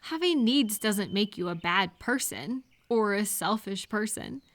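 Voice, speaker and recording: In an intimate, casual audio roleplay, a woman plays a gentle, supportive friend, talking to the listener in an unhurried, reassuring way. Her mid-range voice is animated, and the mood is calm and comforting.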